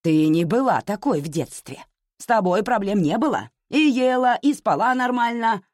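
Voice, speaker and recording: A reproachful, scolding older mother, put on by a woman reader, lamenting and blaming in a lively, rising voice. The reading is dry and close, with a warm, dark tone. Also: deep voice, moderate pace, no room sound, voice pushed up.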